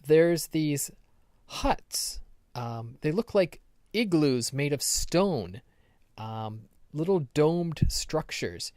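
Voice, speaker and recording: A man's voice: fairly high pitch, big pitch swings, extremely slow, a little mellow, no echo, studio quality. Chatty man co-hosting a podcast. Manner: rambling, with frequent ums and restarts. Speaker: podcast co-host. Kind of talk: casual chat.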